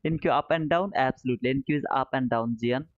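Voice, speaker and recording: Talking quickly in a mid-range voice, a Bangladeshi live trading stream host in his 30s responds to viewers with short, repeated phrases and friendly, informal address. His audio sounds thin and phone-like, with a roomy echo.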